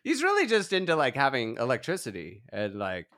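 A man in casual comedic banter, musing in a low-key, deadpan, profane way. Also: a little fast, no echo.

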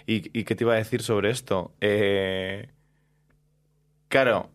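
Male podcast host, low voice, relaxed teasing questions. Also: slow, clean tone. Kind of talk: casual podcast interview.

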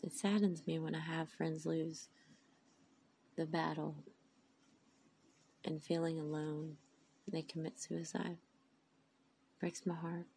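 A tired, tearful woman speaks in a low, gravelly voice, rambling and emphatic as she encourages her listeners. Her tone stays flat and mellow, with faint noise underneath. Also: takes it slowly, long pauses. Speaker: faith vlogger. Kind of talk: inspirational monologue.

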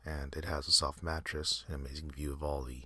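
A man hosting an ASMR channel, leading a soft, halting whispered guided meditation with many pauses and fillers. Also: a bass voice, flat delivery, breathy edge, no room sound. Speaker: ASMR host.

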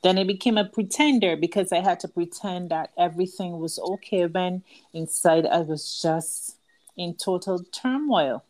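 A woman's voice: on the low side, moderate pace, a little mellow. A woman with a Barbadian accent, a book author telling her life story earnestly as a guest in an interview. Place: outdoors at night with crickets. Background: crickets.

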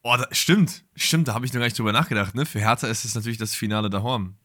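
A man co-hosting a casual football podcast, excitedly recounting match highlights with plenty of fillers. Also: quick pace, no echo, studio quality. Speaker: podcast co-host.

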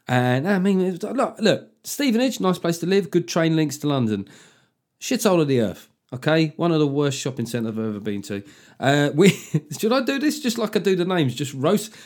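A man's voice: on the high side, a little mellow. Male podcast host, stand-up comic, sardonic, sweary, casual chat.

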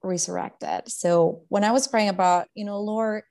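An earnest, reflective woman in her thirties, from Guatemala, telling her story as a guest in a relaxed interview. Her voice has a gravelly, creaky edge, and she often restarts her sentences and fills pauses. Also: medium pitch. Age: 30s. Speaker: guest, life coach. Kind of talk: casual faith-based interview chat.

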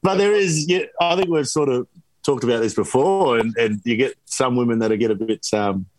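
A man's voice: mid-range voice, normal speed, dry recording, rough recording. An Australian man chats casually as a guest on late-night radio. He sounds laid-back and hesitant and fills his speech with ums. His voice is recorded close and dry. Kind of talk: casual banter.

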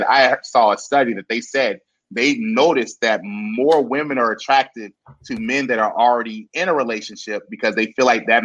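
A man's voice: medium pitch, sharp tone, dull audio. A man in his late thirties chatting casually on a podcast, rambling with lots of fillers. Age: 30s. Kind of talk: casual chat.

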